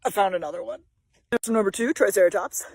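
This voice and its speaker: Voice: mid-range voice, fast talker, no room sound. A vlogger narrating a trip to roadside sculptures in an amused, joking way. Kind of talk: travel vlog.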